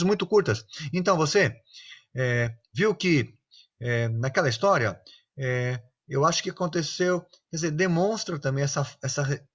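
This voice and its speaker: A man giving tips to children's teachers in an online class, lively and acting out examples, often asking his listeners "right?". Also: mid-range voice, breathy edge, muffled recording. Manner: lively, acts out examples, often asks "né, gente?". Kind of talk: online class, casual explanatory talk.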